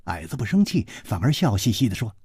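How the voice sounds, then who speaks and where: A man telling a martial arts tale for radio in a vivid, animated storytelling style. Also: fairly quick, slightly rough, no echo, studio quality. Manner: highly animated, vivid delivery.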